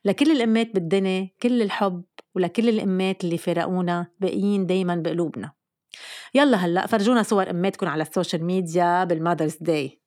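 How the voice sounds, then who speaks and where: Fast-talking Lebanese woman comedian. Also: fairly low pitch, darkish tone. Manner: wry, teasing. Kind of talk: comedic monologue.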